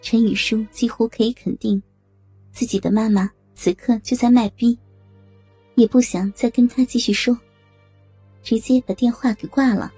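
A woman reads an explicit adult audio story in a steady, matter-of-fact way. Her voice sits a little high yet mellow and husky. The recording is dry and close, with faint music underneath. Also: moderate pace, long pauses, no room sound. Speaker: narrator.

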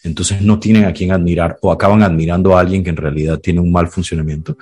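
Low, husky-voiced man explaining calmly. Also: quick pace. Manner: reflective, explains with examples and acted quotes; frequent "¿sabes?" and "¿ves?" tags. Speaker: clinical psychologist guest. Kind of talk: explanatory podcast talk.

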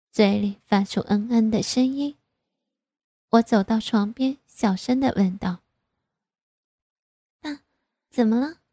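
A woman reading a first-person story aloud in a slow, even way. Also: medium pitch, no room sound. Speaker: narrator.

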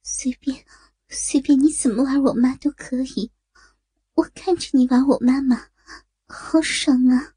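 A woman's voice: sits high, steady tone, unhurried, dark tone, slightly rough, pitched above the performer's own voice. A woman voicing a frightened young policewoman who pleads and gives in, in an audio story. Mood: pleading, desperate. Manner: pleading, breathless, rising desperate cries. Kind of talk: audio drama reading.

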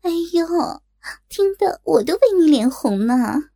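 A woman's voice: on the high side, animated, measured pace, dark tone, slightly rough, no echo, clean studio sound, full character voice. A woman voicing a scheming concubine in her thirties in a storybook, taunting in a honeyed, mocking way.

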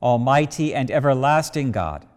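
A man leading worship as a priest, intoning prayers in a slow, measured way, heard with a cathedral echo in a large church. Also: medium pitch, expressive. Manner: slow, measured intoning with rising and falling phrases. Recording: long cathedral reverb.

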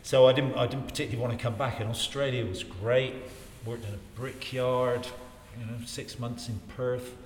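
An older man in his 60s from Wiltshire, England, reminisces casually about his life as an interview guest in local politics. His medium-pitched voice stays fairly even while he rambles, halts and repeats phrases, recorded in a roomy, reverberant space with faint background noise.

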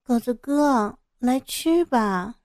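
Woman doing a soft-spoken, high young village girl. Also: expressive, slow pace, no room sound, studio quality. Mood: gentle. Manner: soft, hesitant and tender. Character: young village girl, gentle and hiding her sorrow.

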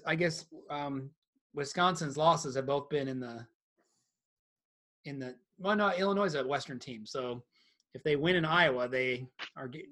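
A man's voice: a little high, sharp tone. A man hosting a casual sports podcast, rambling through game recaps with lots of fillers and restarts. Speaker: podcast host.

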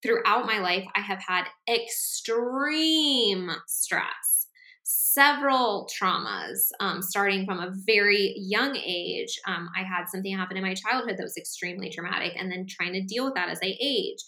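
Woman, casual podcast chat, bright voice, filler-heavy, echoey room. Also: medium pitch, unhurried. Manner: frequent "like" and "um" fillers, animated. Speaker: podcast co-host. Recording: roomy echo.

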